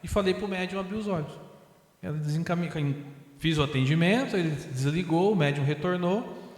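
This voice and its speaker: A man with a Brazilian Portuguese accent gives a lively seminar talk, often retelling dialogues in quotes, in the large hall of a spiritist center. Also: fairly high pitch, brisk. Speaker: seminar speaker. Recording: roomy hall with long reverb.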